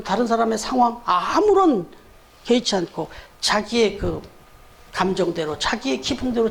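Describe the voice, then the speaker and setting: A man with a very high voice preaching a Sunday sermon in church. He speaks in a conversational way, telling stories and putting rhetorical questions to the listeners. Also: gravelly. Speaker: pastor.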